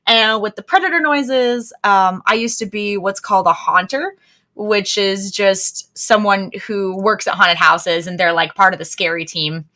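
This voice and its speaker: A woman's voice: mid-range voice, a little slow, pushed and bright. A young American woman, a streamer being interviewed over a video call, chatty and laughing often as she talks about herself. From United States. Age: young adult. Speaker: streamer guest. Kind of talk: casual podcast interview.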